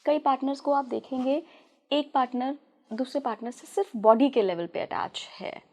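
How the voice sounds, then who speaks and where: A woman's voice: sits high, normal speed, a little mellow. A woman hosting a podcast, asking the guest long, detailed questions and politely addressing her as ma'am. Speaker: podcast host, interviewer.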